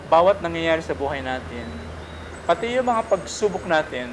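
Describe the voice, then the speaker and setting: Gentle priest, teaching tone. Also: male voice, on the high side, very animated, normal speed, noisy background. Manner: gentle, teaching, often asks "di ba?". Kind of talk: casual spiritual talk.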